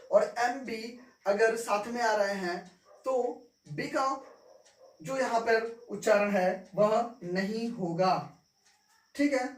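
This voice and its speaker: A woman teaching an English lesson, repeating each point and checking that her students follow. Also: mid-range voice. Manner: repeats points, asks "clear?" often. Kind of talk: classroom-style lesson. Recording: echoey room, mic far off.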